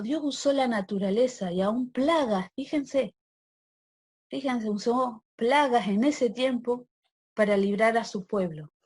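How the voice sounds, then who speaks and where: Husky-voiced Rioplatense woman teaching Bible. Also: on the high side, darkish tone. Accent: Rioplatense Spanish. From Argentina. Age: 40s. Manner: asks the listeners for agreement with a rising sí; acts out prayers and quoted complaints in changed voices. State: pregnant. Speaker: Bible teacher at a women's church meeting.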